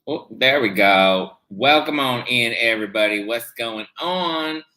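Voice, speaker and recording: A man putting on an exaggerated, deliberately bad Southern US accent to greet his viewers with a slow drawl. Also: medium pitch, lively intonation, bright, forceful tone, low-quality recording. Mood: hammy. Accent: Southern US, put on badly.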